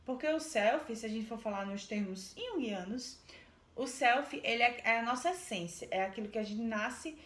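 Brief: a woman storyteller, chatty and meandering, fairly high voice, roomy sound. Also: animated, normal speed, fairly bright tone. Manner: chatty, repetitive, with many fillers. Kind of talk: casual folk tale retelling.

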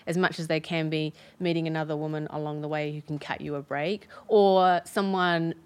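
A woman's voice: deep voice, fairly even intonation, normal speed, a little mellow, smooth. A woman executive in a casual panel discussion, speaking reflectively and thinking aloud. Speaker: company executive.

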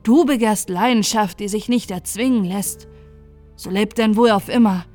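A woman playing a cold, aloof young nobleman in a fairy tale audiobook, speaking in a measured way. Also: mid-range voice, a little mellow, faint music behind, lightly acted.

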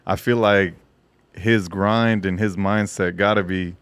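Lowish-voiced slangy male podcast host, dry sound. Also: fairly even intonation, unhurried, smooth, no room sound. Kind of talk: casual interview chat.

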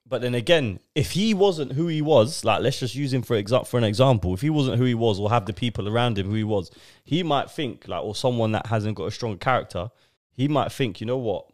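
A man's voice: mid-range voice, animated, fairly quick, no echo, clean studio sound. A young man with a London accent chatting casually as a podcast host, full of slang and repeating phrases for emphasis. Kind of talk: casual banter.

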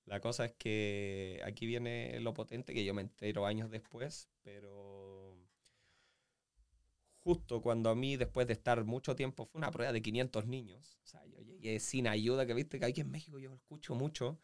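Chilean man, pro footballer guest, animated storyteller with a gravelly fry, close and dry. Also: mid-range voice, moderate pace, dry recording. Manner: animated storyteller with sound effects and acted-out quotes. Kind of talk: casual interview storytelling.

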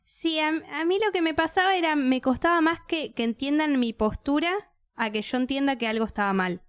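A woman's voice: high-pitched, a little fast, no room sound, studio quality. A young woman with a Rioplatense Spanish accent, chatting casually as a podcast co-host in a blunt, slangy way. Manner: blunt, slangy, frequent short agreements. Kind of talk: casual chat.

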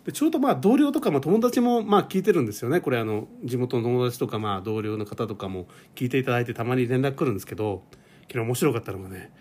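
A man's voice: medium pitch, animated, fast talker, a little mellow. A man in his forties hosting a casual solo podcast, rambling and self-deprecating with lots of fillers. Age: 40s. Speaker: podcast host. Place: home.

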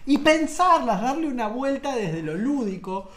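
A woman's voice: high voice, a little slow. A woman with an Argentine accent hosting a radio show, chatting casually and reading out listener messages. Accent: Rioplatense Argentine Spanish. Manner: lively, reads out listener messages. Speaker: radio host.

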